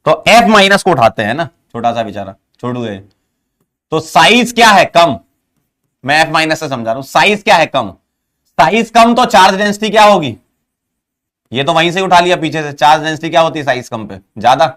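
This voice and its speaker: Man teaching chemistry, coaxing, higher voice. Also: sing-song, normal speed, fairly bright tone. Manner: coaxing, asks students questions and praises them. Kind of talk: online chemistry lesson.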